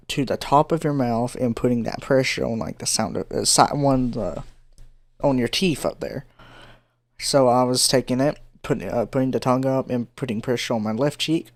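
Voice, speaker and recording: A man chatting casually and haltingly as a learner, feeling for his words. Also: mid-range voice, a little mellow, no echo. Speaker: learner trying out a voice technique. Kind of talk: casual chat.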